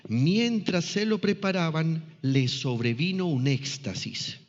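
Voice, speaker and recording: A man with a fairly high voice delivers a sermon, pausing to ask the congregation questions as he teaches. His words ring out with a long hall echo. The recording sounds dull and lo-fi. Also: lively intonation. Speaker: pastor.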